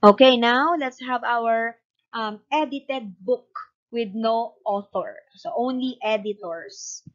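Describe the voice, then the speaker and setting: A woman's voice: fairly high pitch, slow pace, muffled recording. A woman teaching a lesson, methodically dictating punctuation and spelling item by item and explaining each step. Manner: repetitive, methodical. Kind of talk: instructional lesson, explaining citation format step by step.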